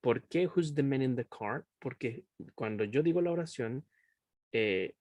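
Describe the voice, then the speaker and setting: A man's voice: mid-range voice, darkish tone. A male teacher leads an online class through a computer microphone. He explains patiently, often stops to check understanding, and moves easily between two languages. His voice sits in a middle range, and the recording is dry with no room echo. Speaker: English teacher.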